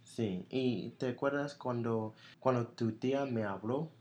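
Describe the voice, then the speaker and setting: A man with an American accent, a native English speaker, co-hosting a casual chat and often pausing to search for words. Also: medium pitch, darkish tone. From United States. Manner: hesitant, searching for words as a learner. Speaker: podcast co-host. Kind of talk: casual conversation.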